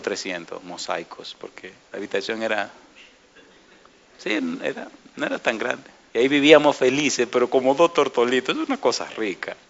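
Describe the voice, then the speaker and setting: A middle-aged man delivers a sermon in a bright, ringing voice at an ordinary middle pitch. He talks in a lively way and keeps turning to the congregation with questions. His carries a clear Caribbean lilt. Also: highs cut off. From Dominican Republic. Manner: animated, asks the congregation questions. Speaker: preacher.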